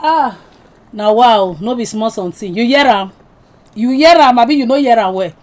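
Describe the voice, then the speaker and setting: A woman's voice: a little high, normal speed, a little mellow. A woman with a Nigerian accent presenting scripted commentary in Nigerian Pidgin, with a scolding, rhetorical manner. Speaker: show presenter.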